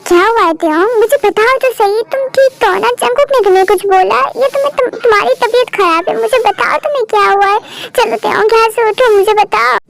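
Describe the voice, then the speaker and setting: A caring young man from college, as a woman voices him in a fan dub presses a friend with anxious questions. He coaxes and insists. The voice is pitched very high. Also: a little fast, creaky, rough recording. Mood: coaxing. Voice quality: anxious, coaxing.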